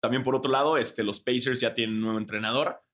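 Joking Mexican podcast co-host. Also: male voice, mid-range voice, fast talker. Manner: relaxed, joking, thinks aloud with fillers. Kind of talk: casual sports chat.

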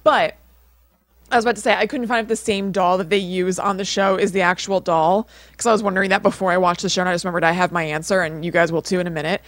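This woman speaks fast in a lowish, fairly bright voice with fairly even intonation and no echo. Co-hosting a podcast, she tells casual stories informally, sprinkling in "like" often.

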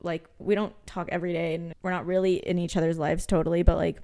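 A young woman co-hosting a podcast, telling a personal story in casual chat, full of "like" and quick laughs. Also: lowish voice. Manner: chatty, animated storytelling with frequent "like" and laughs. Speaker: podcast co-host.

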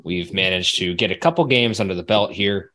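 A man with a low voice hosts a sports podcast. His delivery is casual and conversational. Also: a little fast, pushed and bright, slight background noise. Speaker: podcast host.

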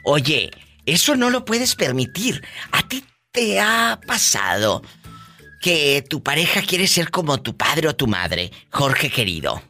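Sassy, animated radio host. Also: mid-range voice, takes it slowly, soft background music. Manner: sassy, teasing, theatrical. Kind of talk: comic live call-in radio hosting.

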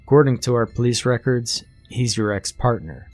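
A man voicing a calm, formal police officer calling on the phone, speaking in polite official phrasing within a horror story reading. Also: medium pitch, normal speed, soft background music, natural voice.

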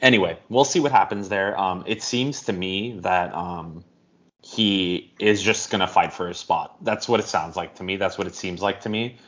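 A man co-hosting a casual football podcast, explaining at length in a measured way with frequent ums. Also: low-pitched, fairly bright tone. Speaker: podcast co-host. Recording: dull lo-fi audio.

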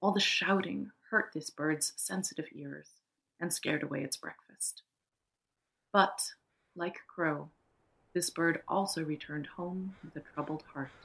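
A woman reads a fable aloud in calm, measured storybook narration. Her voice sits a little low. She is the co-host of a podcast. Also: creaky.

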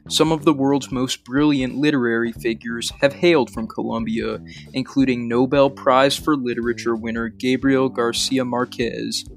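A man hosting a history podcast, reading a scripted narration in a measured, earnest way. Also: medium pitch. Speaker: podcast host.

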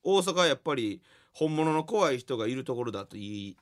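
Kansai guy teasing his comedy partner on the radio, talks fast, pitch all over the place. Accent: Kansai Japanese. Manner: teasing, laughs a lot, fast animated delivery. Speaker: comedy duo radio host. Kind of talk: casual comedic banter.

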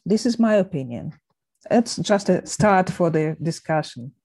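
A woman with a Russian accent speaking as a medical expert in a panel discussion, halting and pausing often as she searches for words. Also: on the low side, lively intonation, warm tone, breathy edge, dry recording. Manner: hesitant, halting delivery with many pauses. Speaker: eye surgeon, panel guest.

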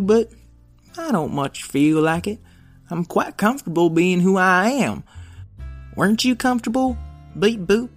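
Man voicing a wise old storybook robot, gentle, raised pitch, slow, beeps between words. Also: full character voice. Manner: slow, warm advice with playful beeps.

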